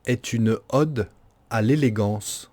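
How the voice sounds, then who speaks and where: A man's voice: mid-range voice, takes it slowly, darkish tone. A man dictating as a teacher does, phrase by phrase, carefully articulated, with punctuation spoken aloud and each sentence repeated.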